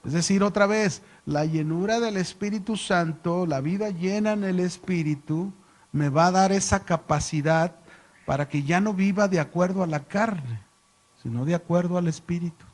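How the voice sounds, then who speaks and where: A man leads a church Bible lesson in a fairly high voice. He talks in a chatty, animated way and tells stories to make his points. He keeps checking on his class with quick rhetorical questions. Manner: animated storyteller, jokes with listeners. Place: church classroom with a live audience.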